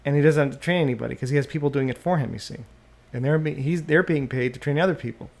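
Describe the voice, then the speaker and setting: A man hosting a solo podcast, thinking out loud and often trailing off and restarting mid-sentence, into a desktop microphone. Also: fairly high pitch, quick pace, vocal fry. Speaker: podcast host. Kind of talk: rambling solo podcast monologue. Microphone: USB desktop microphone.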